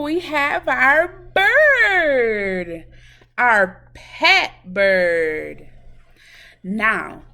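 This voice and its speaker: Pitched fairly high, this woman runs a craft lesson for preschoolers in a lively, sing-song manner. She keeps asking the kids questions and supplying the answers on her own.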